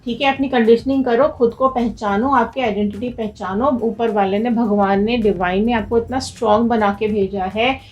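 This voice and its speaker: A woman with a fairly high voice gives a tarot reading straight to her viewers. She talks in an urgent, motivational way, pressing them to act. Soft music plays faintly behind her. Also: steady tone, moderate pace, few pauses, muffled recording. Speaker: tarot reader.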